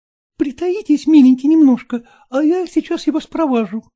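A man voicing a sly, coaxing housekeeper woman in a chattering falsetto for an audiobook. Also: normal speed, mellow. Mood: scolding. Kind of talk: audiobook character voice.

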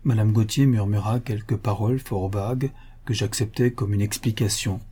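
A man narrating a literary audiobook in a measured, even way. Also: on the low side, slightly rough. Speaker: audiobook reader.

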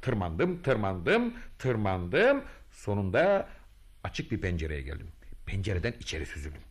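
A pompous, boastful self-made hero. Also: male voice, lowish voice, wildly swooping pitch, unhurried, slightly rough, exaggerated voice. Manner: grandiose, theatrical, muttering to himself. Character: boastful self-styled male freedom hero, pompous, vain. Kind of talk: radio drama acting.

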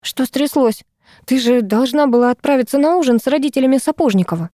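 A woman's voice: sits high, a little fast, dark tone, no echo, clean studio sound, voice pushed up, lightly acted. A woman reading as a worried young girlfriend on the phone. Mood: concerned. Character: heroine's friend, young woman, concerned.

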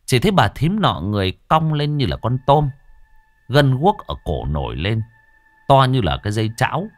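A man's voice: medium pitch, big pitch swings, moderate pace, dry recording. A man narrating a ghost story in a dramatic, vivid manner.

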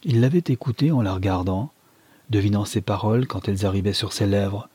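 A man narrates a classic novel in a measured, literary way. His voice is low, dark and husky, and the close recording is dry and free of room sound. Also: dry recording. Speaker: audiobook narrator. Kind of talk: scripted audiobook narration.

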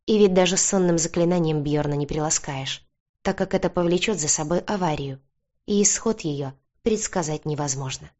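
Woman, audiobook narrator, low voice, first-person storytelling, muffled lo-fi sound. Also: normal speed, a little mellow.

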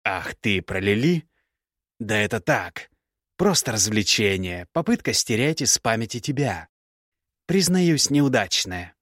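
A man's voice: fairly low pitch, big pitch swings, a little slow, a bit bright, no echo, clean studio sound, heavily acted. A man reading an audiobook voices a self-assured young male mage who pleads and justifies himself. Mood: pleading. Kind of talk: audiobook character voice.

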